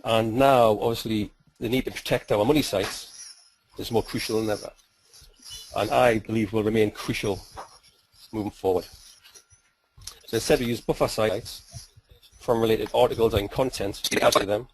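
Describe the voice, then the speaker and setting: A man teaching search-engine tactics in a steady, explanatory webinar style. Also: fairly low pitch, moderate pace, long pauses, slight background noise, low-quality recording. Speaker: SEO trainer.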